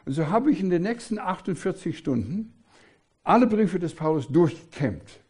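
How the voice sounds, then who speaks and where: An older man preaching a sermon, emphatic, asking rhetorical questions and pausing often with hesitations. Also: high voice, big pitch swings, darkish tone, slightly rough.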